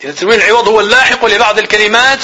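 Male grammar teacher; high voice, fast talk, asks students questions and answers them himself. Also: sharp tone, slightly rough, poor audio. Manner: repeats definitions slowly as if dictating. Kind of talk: classroom grammar lecture.

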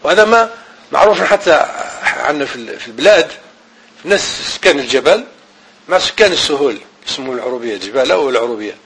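Husky-voiced man. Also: medium pitch, animated, a bit bright, low-quality recording. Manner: repeats each rule slowly several times, as if for dictation. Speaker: teacher. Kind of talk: Arabic grammar and Quran recitation lesson.

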